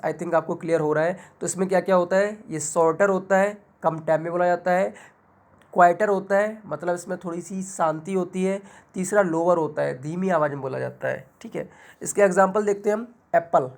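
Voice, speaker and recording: A woman's voice: fairly low pitch, darkish tone. A woman teacher explaining an English lesson in Hindi, asking herself questions and answering them, with an Indian English accent. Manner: explains step by step with rhetorical questions and frequent "ठीक है"; drawls example words slowly to show stress.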